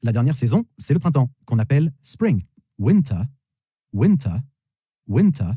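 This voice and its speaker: Dark husky man teaching vocabulary. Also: medium pitch, big pitch swings, no room sound. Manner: slow, repeats each word three times. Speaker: English teacher. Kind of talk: vocabulary lesson, repeating words.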